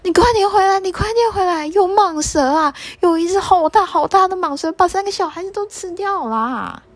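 A woman voicing a distraught mother swallow in a children's story, high and pleading. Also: animated, normal speed, no echo.

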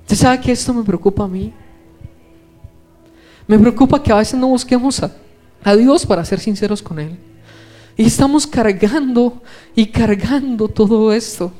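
A preacher delivers a fervent sermon, piling up rhetorical questions at the congregation. The voice sits at a middling pitch, and soft music plays faintly underneath. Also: a little slow, long pauses. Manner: impassioned, many rhetorical questions.

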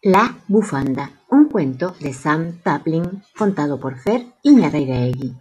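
A woman announcing the titles of children's stories in a slow, measured way. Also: deep voice, very animated, warm tone, slight background noise.

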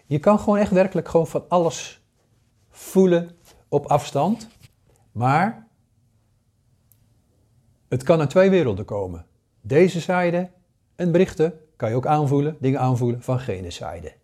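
A man's voice: a little high, lively intonation, measured pace, long pauses, mellow. A man, teaching a casual spoken lesson, hesitating often with fillers and restarts. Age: 60s. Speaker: paranormal course teacher.

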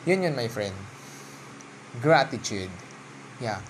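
A man's voice: medium pitch, big pitch swings, slow, a little hiss or hum. A man giving a casual motivational talk alone in his room, switching freely between Tagalog and English and addressing the listener directly. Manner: chatty, mixes Tagalog and English, talks straight to the listener. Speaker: vlogger.

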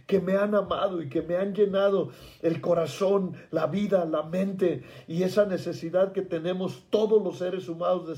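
Fervent high-voiced man preaching. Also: mellow. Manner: fervent, emotional, repeating phrases in prayer. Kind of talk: sermon with personal testimony.

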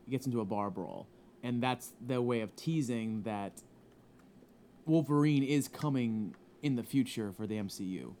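A man's voice: mid-range voice, moderate pace, slight background noise. A young man chatting casually on a panel podcast, swearing freely and laughing often. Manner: profane, excitable, laughs often. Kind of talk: casual chat.

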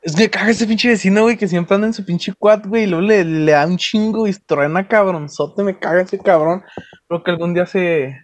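A man's voice: high-pitched, a little fast. A young man with a Mexican accent chatting casually in slangy, heavily sweary street talk. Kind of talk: casual chat.

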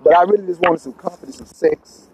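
A man's voice: high-pitched, steady tone, fast talker, a loud crowd, rough recording. A man chatting casually in blunt, profane street slang, often repeating himself to press his point. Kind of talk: casual conversation.

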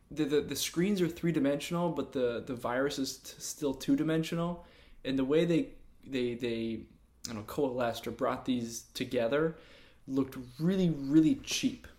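A man's voice: mid-range voice, normal speed, darkish tone. A man chatting casually as a co-host on a film discussion show. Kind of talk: casual chat.

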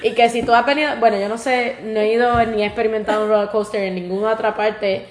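A Puerto Rican woman in her twenties co-hosts a podcast, chatting casually in Puerto Rican Spanish, laughing often and dropping in English words. Her voice is on the high side and steady in tone, and she talks fast. The recording has a roomy echo.

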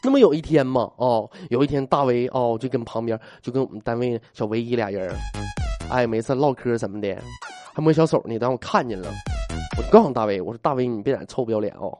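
A man's voice: medium pitch, lively intonation, a little fast, a little mellow, faint music behind. A man, a radio host telling a comic story in a chatty, teasing way.

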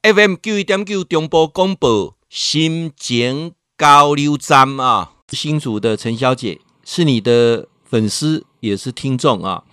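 A man, a professor hosting a radio advice segment, chatty and ending phrases with drawn-out particles. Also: mid-range voice, animated, a bit bright, smooth, dry recording, studio quality. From Taiwan. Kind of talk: radio advice talk answering a listener.

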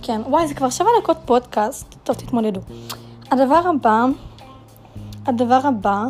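Young woman rambling on her own podcast, high voice, lots of fillers, faint music behind. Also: lively intonation, a little mellow. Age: young adult. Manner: chatty, many fillers, dramatic rhetorical questions. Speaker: podcast host. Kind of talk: casual solo podcast rant.

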